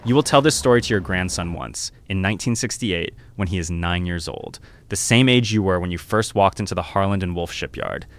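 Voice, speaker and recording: A man narrating a scripted story in second person, in a measured, grave and deliberate way. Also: low-pitched, a bit bright.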